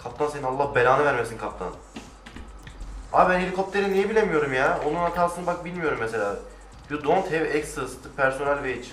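A man giving casual let's-play commentary, excitable, swearing and shouting at the game. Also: a little high, fast talker, a little hiss or hum. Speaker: gamer. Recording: roomy, distant mic with faint music.

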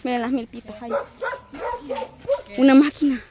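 Salvadoran woman bossing her friends around for laughs, high voice, noisy group outside. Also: steady tone, normal speed, crowd noise. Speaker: vlogger. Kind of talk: casual outdoor chat among friends. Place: outdoors in the countryside.

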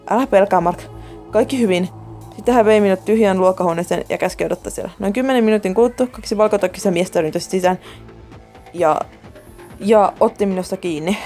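A woman's voice: mid-range voice, warm tone. Woman dramatically narrating a horror story. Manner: dramatic first-person storytelling, rising in tense moments. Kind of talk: scripted narration. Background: faint music.

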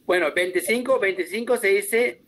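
A man's voice: sits high, fairly bright tone. Patient male teacher. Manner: patient, drills pronunciation slowly. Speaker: German teacher. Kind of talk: online class instruction.

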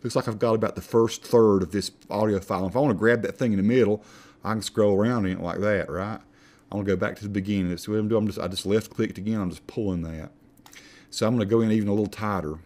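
Folksy Appalachian man with a lowish voice. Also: steady tone, quick pace, darkish tone. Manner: folksy, informal, self-deprecating. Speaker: tutorial instructor. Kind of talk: casual software tutorial, talking through each step.

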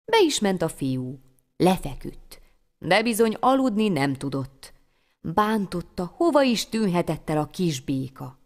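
A woman storyteller reading a folk tale aloud, lively and expressive with sudden exclamations. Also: on the low side. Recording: long hall reverb.

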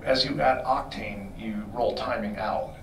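A middle-aged performance shop expert fields audience questions about engines in a hotel meeting room, explaining things conversationally and correcting himself as he goes, speaking into a handheld mic. His voice is on the low side, steady and fairly bright at a measured pace. The sound is roomy from a distant camera, with slight background noise.

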